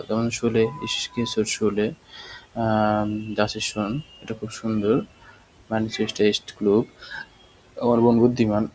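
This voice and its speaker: A man's voice: on the low side, slight background noise, rough recording. A man teaching a language class, explaining step by step and answering his own questions. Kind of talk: spoken language lesson.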